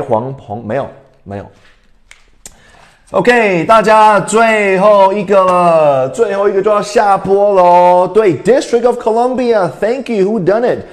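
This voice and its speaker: With a slightly high, darkish voice, a young Canadian man runs a livestreamed English class, quizzing the audience as he switches between Mandarin and English.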